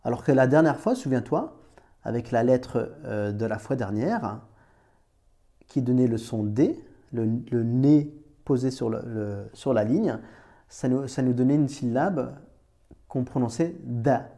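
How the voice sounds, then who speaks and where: A man's voice: medium pitch, animated, a little slow, mellow. A man teaching Arabic letters in a chatty, informal way, talking straight to the learner with many restarts. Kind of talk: informal screen-recorded lesson.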